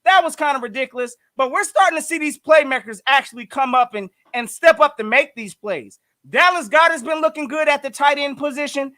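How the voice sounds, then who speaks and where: A man's voice: very high voice, fairly quick, hardly any pauses, sharp tone, dry recording. A man co-hosting a casual sports podcast, breaking down the game in an emphatic, hyped way. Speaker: podcast co-host.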